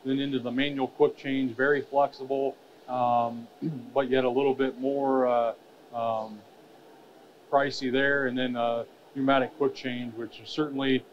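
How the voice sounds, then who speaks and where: A man in his thirties presents on a curtained expo stage into a headset mic. He talks at a middling pitch, halting often with fillers and restarts. The sound is a little dull, with a faint murmur of the hall behind him. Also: level tone, a little hiss or hum. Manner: hesitant, many fillers and restarts. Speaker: trade show presenter. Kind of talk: conference presentation.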